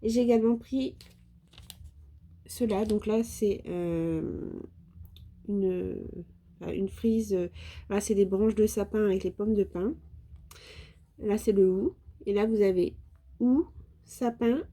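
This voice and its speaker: Her medium-pitched, warm voice stays fairly even as she goes slowly, leaving long pauses. She's a French craft vlogger casually showing off a haul, hesitating and stumbling with lots of fillers.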